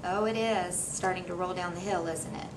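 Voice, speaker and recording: A teacher in middle age reads a storybook to a young child, asking questions and offering encouragement in a fairly low voice with fairly even intonation and normal speed. The setting is a small indoor classroom reading corner. Sound comes from a distant camera microphone a few meters off, with plenty of room noise.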